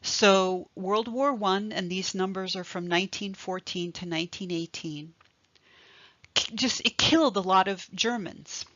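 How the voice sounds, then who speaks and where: A woman giving a recorded history lecture, explaining slowly and with emphasis, spelling out terms and stressing key words. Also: medium pitch, fairly bright tone, a little hiss or hum. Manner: slow, deliberate, emphatic explaining. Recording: dry, slightly dull lo-fi recording.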